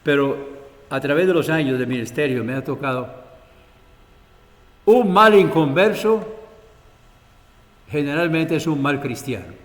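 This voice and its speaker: A Costa Rican man preaches a sermon, telling the scripture in a colloquial way and acting it out. His voice sits a little high. A long church reverb trails each phrase. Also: expressive, measured pace, pauses often. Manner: colloquial storytelling, acts out the scripture.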